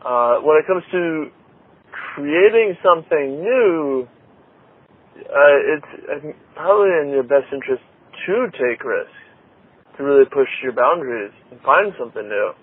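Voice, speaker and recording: A man's voice: fairly high pitch, expressive, a little slow, husky, no room sound. Thoughtful man over a thin phone line. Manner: thoughtful, laughing, lots of "you know". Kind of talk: casual conversation.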